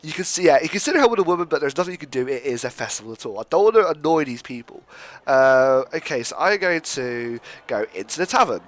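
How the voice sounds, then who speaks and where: Lively young man narrating a game. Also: on the high side, quick pace. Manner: upbeat, chatty, frequent fillers and restarts. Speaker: gaming video host. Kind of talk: casual gameplay commentary, reading game text aloud.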